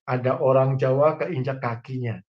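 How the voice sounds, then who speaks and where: A man's voice: medium pitch, fairly even intonation, moderate pace, dull audio. A man preaching a sermon as pastor, speaking straight to the congregation with folksy, humorous examples. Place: church online service.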